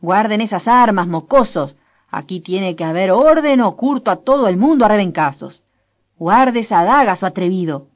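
A woman voicing a gruff, bossy older rural patron who gives orders in a hoarse, slow voice. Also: lowish voice, lively intonation, darkish tone. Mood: commanding. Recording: dull lo-fi recording.

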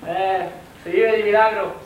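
A man's voice: high voice, fairly even intonation, measured pace, muffled recording, slight background noise. An actor playing a streetwise male companion in a theatrical stage drama. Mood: wry. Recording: echoey, distant, crowd behind.

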